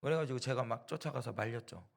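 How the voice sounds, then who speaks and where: Talking fast in a medium-pitched voice, a man preaches at a church with a gravelly, rough-edged sound. Repetition and rhetorical questions drive his message, and his storytelling slips into the quoted voices of its characters.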